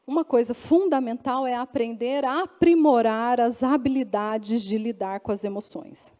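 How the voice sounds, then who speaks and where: A woman's voice: on the high side, moderate pace, warm tone, in a large hall. A woman giving a chatty church teaching, often tossing questions to the audience. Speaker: church speaker. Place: church hall.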